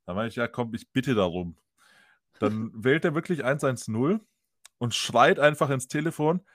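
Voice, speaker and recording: A man's voice: medium pitch, lively intonation, moderate pace, no room sound, clean studio sound. A man telling an anecdote in casual podcast chat. He talks animatedly, laughs often and acts out the people he quotes. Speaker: podcast host.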